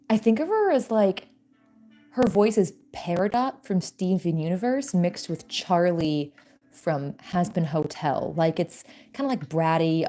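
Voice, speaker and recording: A young woman streaming while working on an animatic, chatting casually in a soft-spoken way, with frequent fillers and small laughs. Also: low-pitched. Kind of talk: casual chat.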